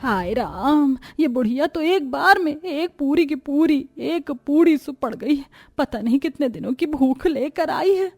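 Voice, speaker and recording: A woman voicing a greedy, bossy old grandmother-in-law in an animated story, scolding and giving orders. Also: high voice, a little slow, few pauses, pitched above the performer's own voice. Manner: commanding, scolding.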